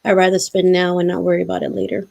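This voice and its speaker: A woman's voice: lowish voice, monotone, very fast, creaky, a little mellow. A woman in a casual chat, giving practical, matter-of-fact advice.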